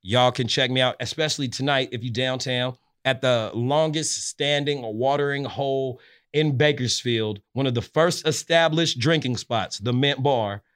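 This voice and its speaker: A mid-pitched man chats as a podcast guest. He is a DJ and radio host, and he talks loose and slangy. When he plugs his shows he rolls into a punchy, rhyming hype delivery. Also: normal speed, a bit bright, smooth. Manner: streetwise, hype slang, rhythmic self-promotion. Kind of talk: casual podcast interview.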